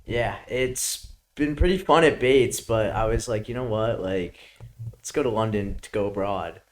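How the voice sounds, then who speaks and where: Low-voiced young new york dude, laid back, says like a lot. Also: male voice, moderate pace. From Brooklyn, New York. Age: young adult. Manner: laid-back, peppers speech with "like", laughs often. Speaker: guest. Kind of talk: casual chat.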